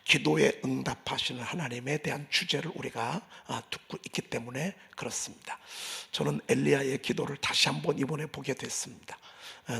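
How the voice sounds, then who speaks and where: A male pastor preaching a sermon in a church, swinging from loud declarations to hushed asides. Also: medium pitch, creaky. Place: church sanctuary.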